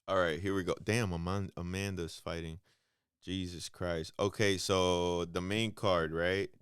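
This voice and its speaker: A man's voice: low-pitched, level tone, measured pace, smooth, dry recording, clean studio sound. A man hosting a casual podcast monologue, rambling and profane, talking with many hesitations and calling listeners bro. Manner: loose, hesitant delivery with many ums. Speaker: podcast host.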